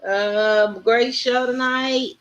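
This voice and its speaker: A woman's voice: a little high, steady tone, dull audio. A woman co-hosting an online radio show, easygoing as she plugs upcoming events. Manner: easygoing, plugging events in a quick run. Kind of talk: casual sign-off announcements on an online radio show.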